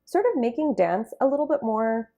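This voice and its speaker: A woman's voice: on the high side, expressive, a little fast, dark tone. A young woman being interviewed about her dance journey, talking in a reflective, casual way with many fillers. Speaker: interview guest, Bharatanatyam dancer.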